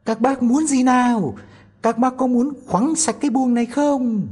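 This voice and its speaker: A tiny, daring boy no bigger than a thumb shouts in a shrill, piping voice. He is mischievous and loud. The voice underneath stays husky and soft-toned. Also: expressive, unhurried, heavily acted. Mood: loud cheeky. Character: tiny bold cheeky boy the size of a thumb.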